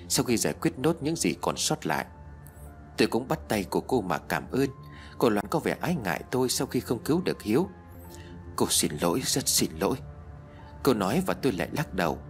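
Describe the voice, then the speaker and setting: A man reading a first-person novel aloud as an audiobook narrator, telling it expressively. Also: medium pitch. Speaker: audiobook reader.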